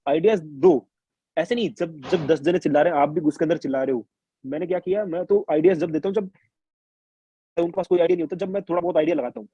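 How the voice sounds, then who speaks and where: A man's voice: fairly high pitch, dark tone, breathy edge, no room sound, lo-fi sound. A young man from India telling his exam experiences in a chatty, colloquial way, full of restarts and quoted asides. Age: young adult. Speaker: interviewee sharing exam experience. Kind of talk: casual conversational storytelling.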